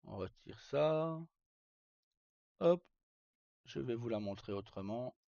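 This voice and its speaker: A man with a medium-pitched, creaky, mellow voice speaks expressively and slowly as he chats with live viewers on his stream. His colloquial talk rambles and hesitates, with some swearing, picked up by a dull lo-fi mic in an echoey room.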